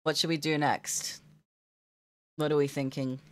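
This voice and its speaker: A young woman with a fairly low voice chats casually with her stream viewers while drawing. She giggles often and gushes over her work. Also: level tone, a little slow. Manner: giggly, gushing, talks to chat.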